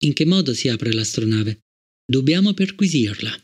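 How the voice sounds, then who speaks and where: A man reading an audiobook, voicing a cold, relentless male guard robot with a flat, formal manner. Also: medium pitch, moderate pace, breathy edge, voice pushed down. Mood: stern. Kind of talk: audiobook character voice.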